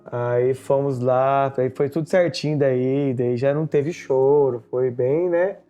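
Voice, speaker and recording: A man telling his personal testimony in an interview, halting and searching for words. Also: medium pitch, steady tone, mellow, clear, resonant tone, soft background music. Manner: halting, many fillers and restarts.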